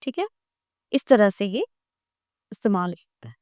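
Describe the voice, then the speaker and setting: A woman teacher giving a grammar lesson to children, addressing them directly and spelling out sounds slowly one by one. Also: mid-range voice, big pitch swings, a little mellow, dry recording, studio quality.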